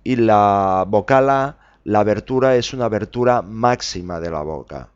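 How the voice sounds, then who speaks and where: A man hosting a podcast lesson, slowly spelling out letters and examples with frequent fillers. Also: on the low side, clean tone, lo-fi sound. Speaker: Spanish teacher podcast host.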